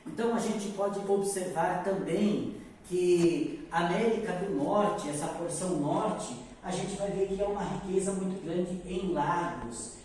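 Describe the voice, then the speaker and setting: A man's voice: sits high, unhurried, a little mellow, a little hiss or hum. A Brazilian man teaching geography, explaining step by step and checking in with his students. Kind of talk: recorded geography lesson. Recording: echoey room, mic far off.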